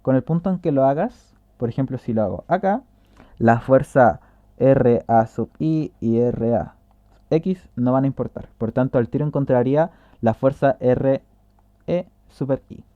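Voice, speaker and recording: A man's voice: medium pitch, measured pace, dry recording, muffled recording. A man explaining a tutorial in a casual way, walking through a drawing step by step and correcting himself as he goes.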